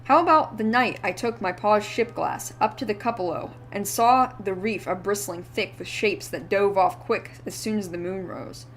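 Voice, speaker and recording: A woman's voice: mid-range voice, normal speed, hardly any pauses, lightly acted. A woman voicing a wheezy, ranting old drunk man who rambles feverishly in rustic old-timer speech. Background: faint background music.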